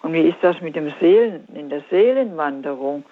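An older woman calling in to a radio show, asking her question hesitantly and haltingly over the phone. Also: sits low, animated, dry recording. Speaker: caller. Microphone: telephone. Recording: tinny phone line.

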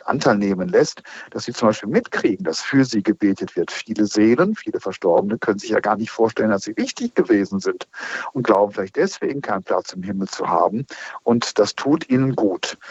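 A man's voice: mid-range voice, big pitch swings, brisk, breathy edge, dry recording, highs cut off. A man, a priest, patiently answering listeners' questions on a radio call-in show, thinking aloud with many fillers. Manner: thoughtful, explaining with many fillers.

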